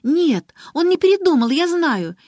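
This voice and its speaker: A woman voicing a tearful, determined young girl who pleads in a high voice. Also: very animated, unhurried, a little mellow, no echo, clean studio sound, exaggerated voice.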